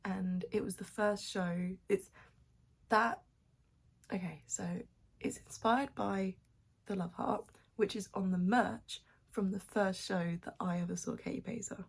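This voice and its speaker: A young woman chats to her camera at home, her voice very raspy and rough with sleep. She rambles along in a hushed, half-whispered way, audible fry running through her words as she talks casually about her plans. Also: mid-range voice, fairly even intonation, unhurried. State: morning voice, just woken up. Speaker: vlogger. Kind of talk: casual morning vlog chat. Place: at home with her cat on her lap.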